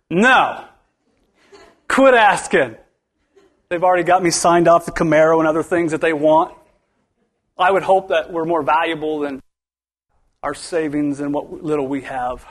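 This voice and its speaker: A middle-aged male pastor preaching a sermon in a church, swinging from loud, rising lines to hushed ones and calling out for responses from the congregation. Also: on the high side, measured pace, pauses often.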